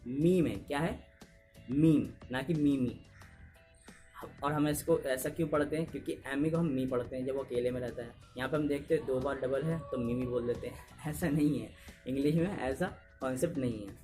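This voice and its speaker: A man's voice: fairly high pitch, warm tone. A man with an Indian accent teaching English pronunciation in a casual video lesson, repeating each word and asking "What?" to drill it.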